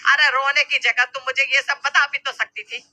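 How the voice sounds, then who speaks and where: A woman voicing a stern middle-aged mother-in-law who scolds loudly and sharply in an animated story. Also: sits high, moderate pace, voice pushed up, rough recording.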